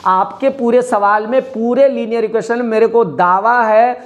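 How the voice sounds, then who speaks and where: A woman's voice: fairly high pitch, moderate pace. A woman math teacher gives a classroom lesson to children. She repeats phrases, asks the class questions, and switches into English mid-sentence.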